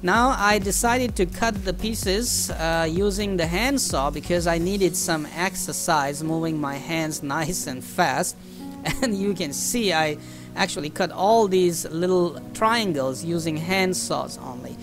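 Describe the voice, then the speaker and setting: A man narrating his home workshop build in voice-over, unhurried and thinking aloud with frequent hesitations. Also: high voice, over music. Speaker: woodworking hobbyist.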